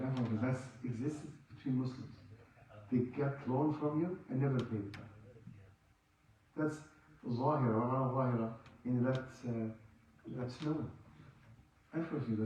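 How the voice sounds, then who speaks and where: A man with a medium-pitched, dark voice teaches a religious lesson in a mosque prayer hall. He quizzes the listeners in an informal question-and-answer style, stressing key words by repeating them. Picked up far from the mic in an echoey hall, the audio sounds dull, with a little hiss or hum.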